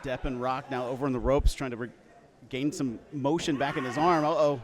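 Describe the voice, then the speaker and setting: A man's voice: mid-range voice, steady tone, normal speed. A man giving live wrestling commentary in a conversational way, with short reactive phrases. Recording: noisy live event with loud crowd. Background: crowd and event noise.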